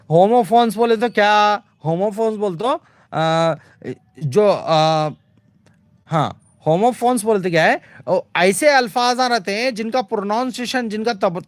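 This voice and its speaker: A high-voiced male teacher goes through exam questions. He asks each question aloud and answers it himself, with plenty of fillers and repeats. He slows to a crawl when reading English lines and presses viewers to comment fast. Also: a bit bright. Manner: urges viewers to comment quickly.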